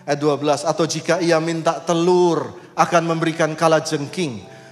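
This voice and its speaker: Male pastor, emphatic preaching, slightly high voice, long church reverb, soft music underneath. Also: steady tone, moderate pace. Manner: emphatic preaching, voice surging high and loud on key phrases; leads the congregation in reading scripture aloud. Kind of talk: sermon. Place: church sanctuary.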